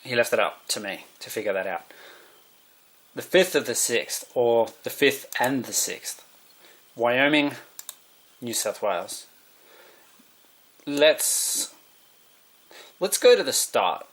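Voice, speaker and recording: A man's voice: mid-range voice, lively intonation, slow pace, pauses often, a bit bright. Rambling man musing aloud. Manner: musing, meandering, self-correcting. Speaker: vlogger. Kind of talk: rambling monologue.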